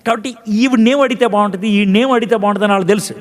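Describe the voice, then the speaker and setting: A man's voice: sits high, very fast, long reverb tail. A man pastor preaching a sermon in a conversational way, acting out scripture dialogues and quizzing his congregation. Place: church.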